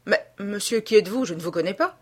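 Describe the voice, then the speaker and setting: A woman's voice: mid-range voice, fast talker, a little mellow, husky, natural voice. A woman voicing a panicked, indignant old lawyer. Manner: indignant, frightened outbursts. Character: panicked respectable older male lawyer.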